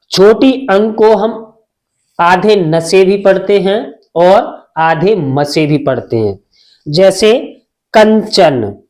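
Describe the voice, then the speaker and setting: A man's voice: high voice, darkish tone. A man teaching Hindi spelling, drawing out and repeating syllables and answering his own questions. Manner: asks a question and answers it himself. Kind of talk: slow spelling lesson.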